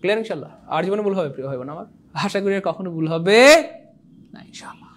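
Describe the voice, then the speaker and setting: A young man who teaches an exam prep lecture in an animated, teasing way, repeating points and quizzing his viewers. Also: high voice, very fast. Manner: animated, repetitive, teasing, asks the viewers questions. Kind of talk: online lecture.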